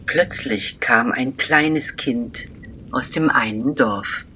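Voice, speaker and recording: A man telling a children's story as scripted narration, slow and deliberate with dramatic pauses. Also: mid-range voice, sharp tone, a little hiss or hum.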